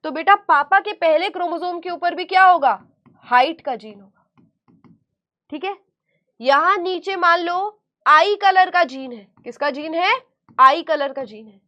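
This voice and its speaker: Her voice is extremely high with a sharp tone as she gives an online class lecture. The woman teacher speaks slowly and deliberately, posing questions and coaxingly answering them herself.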